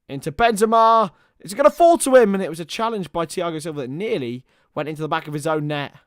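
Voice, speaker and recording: On this watchalong stream, a young man calls a football match live and chats with his viewers, bouncing between play-by-play and banter with chat in a chatty, casual way. His voice sits on the high side and is expressive, clear and resonant, and he talks fast. The recording is studio quality with no echo.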